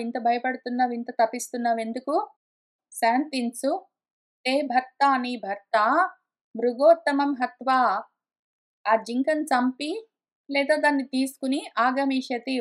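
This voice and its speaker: A high-pitched woman leads a scripture lesson. She chants each verse slowly, line by line, then unpacks it in relaxed, conversational storytelling. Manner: slow chanting of verses, then plain explanation. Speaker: scripture teacher. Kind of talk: explaining Sanskrit verses in Telugu. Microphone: conference call line.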